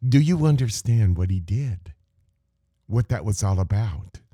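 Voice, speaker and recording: A man teaching meditation in a contemplative spiritual talk, measured and full of rhetorical questions. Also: on the low side, animated, warm tone, breathy edge, dry recording, studio quality.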